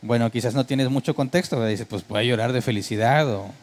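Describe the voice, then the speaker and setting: Here a man preaches briskly in a mid-range voice. The pastor keeps his sermon conversational, regularly poses rhetorical questions to his listeners, and comically mimics the sound of a worship keyboard.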